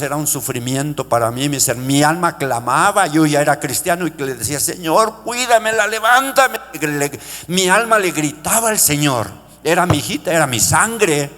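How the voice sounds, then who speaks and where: Moderately paced and impassioned, a middle-aged pastor preaches to a congregation he addresses as brothers. When he quotes cries for mercy his pitch rises to a shout, and the church sanctuary's long reverb carries it.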